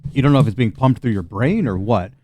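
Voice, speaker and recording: A man's voice: mid-range voice, fast, dark tone. A man narrating a tabletop fantasy game as game master, in a casual, chatty, sweary style.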